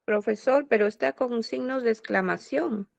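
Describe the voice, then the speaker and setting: Woman on a video call pushing back on the teacher, gravelly voice, doubtful. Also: on the high side, moderate pace, muffled recording. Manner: doubtful, politely challenging. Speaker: teacher attending workshop. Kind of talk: questioning in an online class.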